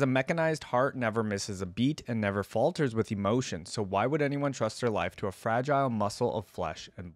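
Here the lore reaction channel's young host has a mid-range voice and no echo around it. Seated in a gaming chair at his indoor desk, headset on and a stand mic close by, he reads aloud, muses, and addresses viewers in an easy conversational way.

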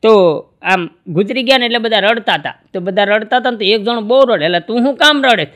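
A man's voice: brisk, fairly bright tone. A man from Gujarat telling jokes on stage in a folksy storytelling way, acting out the dialogue in his stories. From Gujarat, India. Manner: folksy storytelling, acts out dialogue with shifting pitch. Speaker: stand-up comedian.

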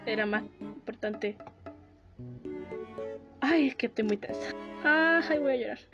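A woman's voice: on the high side, unhurried, lo-fi sound, over music. A woman giving casual commentary while playing a horror game, easily frightened, shrieking and laughing nervously.

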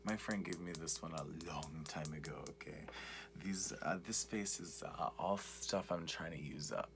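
A young man doing soft-spoken, mostly whispered ASMR as a makeup vlogger, rambling and repetitive in a campy way, with a breathy murmur. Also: moderate pace. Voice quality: breathy whisper mixed with low creaky murmur. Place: small cluttered room indoors. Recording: noisy home recording with clicking and tapping.

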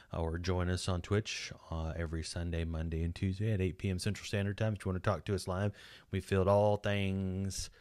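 Speaking into a boom-mounted studio mic up close, a low-voiced Texan man in his forties hosts a podcast from a small home studio. It's a casual solo video commentary, and he's chatty and rambling, with frequent fillers and restarts. The recording is dry.

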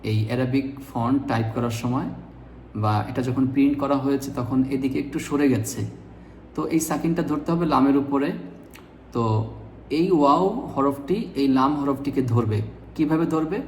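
A man teaching Quran reading, sounding out each word syllable by syllable and repeating them patiently in a slow lesson. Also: mid-range voice, steady tone, a little mellow. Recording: echoey room with faint background noise.

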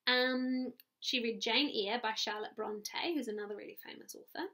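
A teacher with a New Zealand accent reads a chapter book aloud to children, friendly and pausing for little asides. Her voice is a little high, pushed and bright, at a normal speed.

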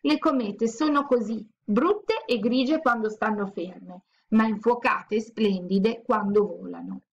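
Woman playing a drowsy male sand creature, soft, low-key, calm, gravelly voice, dull recording. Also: a little slow. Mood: explaining.

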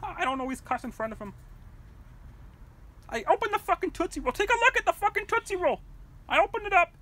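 Woman doing a profane ranting puppet mom, high-pitched, bright, comedic vlog rant. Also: expressive, brisk. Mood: furious. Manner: profane, shouting, rambling. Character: foul-mouthed furious puppet-world mother.

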